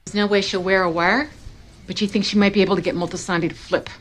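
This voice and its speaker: A woman's voice: medium pitch, fairly even intonation, fast, close to an everyday voice. An actress playing an earnest, direct woman in a television crime drama. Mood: matter-of-fact.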